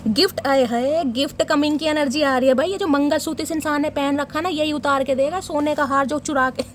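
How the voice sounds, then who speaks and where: A tarot reader does a casual reading for her viewers, chatty and teasing, laughing often and chanting short invocations as she shuffles. Her high voice keeps a steady tone at a moderate pace, with a little hiss or hum in the background.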